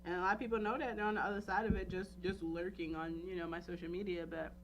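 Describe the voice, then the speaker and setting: As a talk show guest, a woman chats candidly and casually about her personal life, speaking emphatically and rambling while repeatedly saying "you know what I'm saying." Her voice is on the low side and steady, she talks fast, and the dull audio has soft music in the background.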